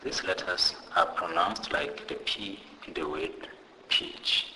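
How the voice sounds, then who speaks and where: A man teaching pronunciation in a scripted lesson, deliberately saying each example word twice. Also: low-pitched, fairly even intonation, big-room sound, background noise. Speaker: language teacher.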